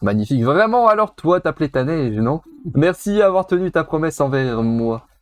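A polite young princess of a forest tribe, prim and formal, as a man puts her on. The voice sits well above his normal range and stumbles now and then, with soft game music underneath. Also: on the high side, sing-song, normal speed. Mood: gracious. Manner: prim, formal, slightly hesitant.

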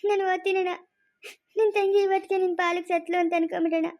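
Casting: a high-voiced performer as a sobbing young village bride who begs her brother, with a very high, tearful voice. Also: flat delivery, fast talker, a little mellow. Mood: tearful pleading. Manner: sobbing, pleading. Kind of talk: family village drama.

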